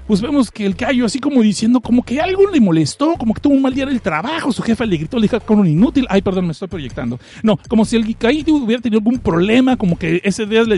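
A man's voice: high-pitched, darkish tone. A man with a Mexican accent recapping an anime episode as a joke-filled comic narrator, full of crude slang and asides to his viewers. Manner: playful, slangy, crude jokes, talks to audience.

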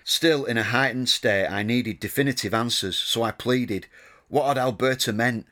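A man in his thirties narrating a wry, deadpan personal story. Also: mid-range voice, normal speed. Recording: music playing under the voice.

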